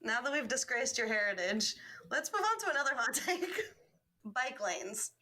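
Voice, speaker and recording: Bright, emphatic young woman. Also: fairly high pitch, big pitch swings, moderate pace. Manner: emphatic, dramatic, swears for effect. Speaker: podcast co-host. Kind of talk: casual podcast chat.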